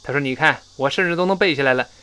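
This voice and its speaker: A middle-aged man teaching spoken English in Mandarin, explaining phrases and slowly modeling pronunciation. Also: mid-range voice, sharp tone, smooth.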